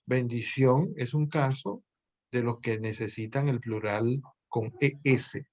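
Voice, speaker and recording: Man teaching grammar with thoughtful pauses. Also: mid-range voice, darkish tone. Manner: patient, thinks aloud with pauses and self-corrections. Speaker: university language professor. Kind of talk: explanatory lecture to students.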